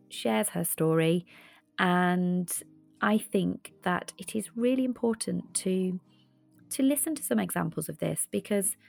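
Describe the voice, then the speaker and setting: A woman in her thirties gives a heartfelt podcast sign-off. Her voice is slightly low with a gravelly creak, recorded close and dry over faint music. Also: darkish tone, no echo. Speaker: podcast host. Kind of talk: heartfelt podcast outro narration.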